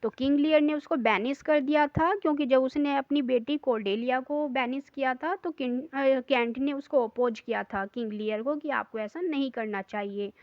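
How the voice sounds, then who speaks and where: A woman teacher, reading exam options slowly and then explaining them quickly in Hindi. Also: high-pitched, dry recording, muffled recording. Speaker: English teacher. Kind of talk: exam practice lesson.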